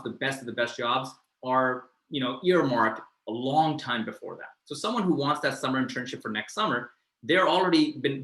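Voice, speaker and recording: A man from Pakistan, a finance mentor answering student questions on a video call, talking in a lively, conversational way and often adding "right?". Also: medium pitch, roomy sound, poor audio. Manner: fast, animated, conversational, lots of "right?" tags.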